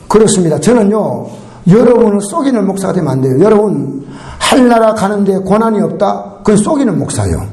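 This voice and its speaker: A male pastor delivers a Sunday sermon with a high, lively voice that leaps up for emphasis and drops low for asides. He keeps calling out to the congregation and asks them to answer back. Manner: animated, call-and-response with the congregation. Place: church sanctuary.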